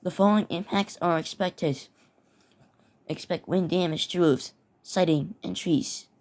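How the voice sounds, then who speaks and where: A woman narrates mock severe weather warnings, reading them aloud with her own commentary and frequently stumbling over and repeating words. Her voice is fairly low, a little mellow, and a bit slow.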